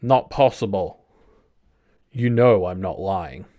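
A man's voice: low-pitched, takes it slowly, dark tone, highs cut off. A man voicing a hurt, stubborn male prisoner who argues and pleads in a strained, urgent way.

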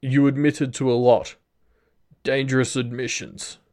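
A man's voice: medium pitch, little pitch movement, a little slow, darkish tone, voice pushed up, lightly acted. A man voicing a hurt, stubborn male prisoner who argues and pleads in a strained, urgent way.

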